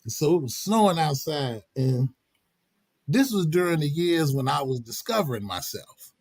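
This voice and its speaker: A middle-aged man tells stories on a podcast. His voice sits a bit high for a man and comes across lively. The recording is close and dry, with no room sound. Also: moderate pace, husky, no echo. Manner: animated, laughing, slips into quoted voices. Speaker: podcast host. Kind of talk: casual storytelling chat.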